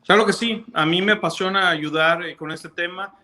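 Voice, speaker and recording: This doctor from Mexico has a high, sharp voice and talks at a moderate pace. Interviewed over video call, he explains things earnestly in his Mexican Spanish accent, leaning heavily on fillers.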